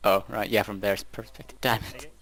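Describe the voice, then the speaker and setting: A man's voice: on the low side, steady tone, a little fast, vocal fry, a bit bright. A man chatting casually with his squad during an online game, joking around and swearing freely. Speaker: gamer in a squad.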